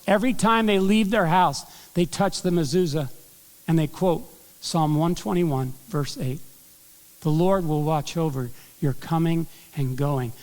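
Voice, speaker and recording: A middle-aged male pastor preaching a sermon in an earnest, conversational way, clearing his throat now and then. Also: fairly high pitch. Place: church sanctuary. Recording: long hall reverb.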